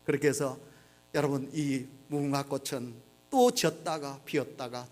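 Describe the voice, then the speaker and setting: High-voiced pastor preaching passionately. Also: male voice. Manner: swings from quiet reflection to loud, emotional storytelling. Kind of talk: sermon. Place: church sanctuary.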